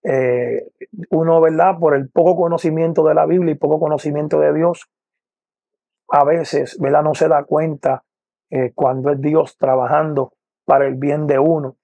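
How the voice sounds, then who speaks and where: Puerto Rican evangelist, 40s, earnest testimony, gravelly voice, dry close sound. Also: male voice, on the high side, fairly even intonation, normal speed, mellow, no echo, dull audio. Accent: Puerto Rican Spanish. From Puerto Rico. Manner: earnest, repeats "poderoso el nombre de Jesús", many "eh" and "¿verdad?". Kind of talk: personal testimony to camera. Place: indoor room with lamp, seated. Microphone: lapel mic.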